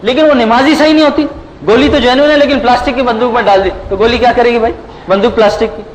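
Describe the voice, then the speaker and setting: A man's voice: extremely high pitch, steady tone, a little hiss or hum, rough recording. A man delivering a religious sermon, telling everyday anecdotes and often asking his listeners a rhetorical "right?". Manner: storytelling with anecdotes, frequent rhetorical "hai na?". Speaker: preacher.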